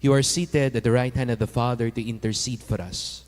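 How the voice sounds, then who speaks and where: A man presiding as priest at Mass, reciting prayers formally in solemn, measured phrases, with a cathedral echo around him. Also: mid-range voice, steady tone, a little mellow. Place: large church interior. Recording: long cathedral-like echo of a large church.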